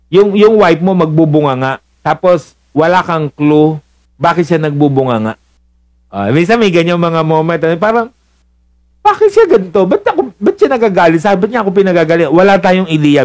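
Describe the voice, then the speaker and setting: A man's voice: a little high, dry recording, clean studio sound. Jokey man preaching. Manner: jokey, chuckles often, mimics voices. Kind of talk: sermon with jokes.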